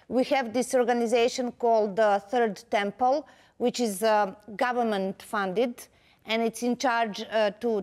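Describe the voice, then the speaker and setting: A woman's voice: on the high side, darkish tone. Hesitant woman interviewer. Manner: hesitant, many fillers and restarts. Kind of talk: interview questions.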